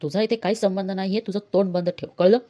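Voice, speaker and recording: A woman's voice: mid-range voice, fairly even intonation, fast talker, warm tone, close to an everyday voice. A woman voicing an angry, protective young man, read in her own voice.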